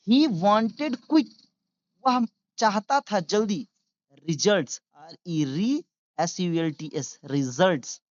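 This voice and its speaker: In a lesson for beginning readers, a man with a high-pitched voice spells out every word letter by letter and translates it, drilling patiently and repetitively as an English reading teacher. There's no echo, and the highs are cut off.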